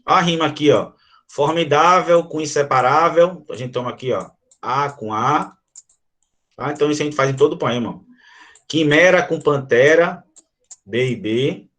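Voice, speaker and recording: Man from brazil, literature lesson, talks right to his students, a bit higher voice. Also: moderate pace. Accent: Brazilian Portuguese. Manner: animated, addresses students directly, reads verses aloud. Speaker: literature teacher. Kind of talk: online class explaining a poem.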